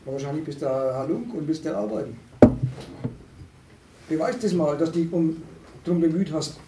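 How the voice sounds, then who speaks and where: A man holding forth in a discussion, halting and restarting often, with emphatic rises. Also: fairly high pitch. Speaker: speaker at a discussion on asylum. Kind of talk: lecturing discussion talk. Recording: echoey room, distant mic, faint noise.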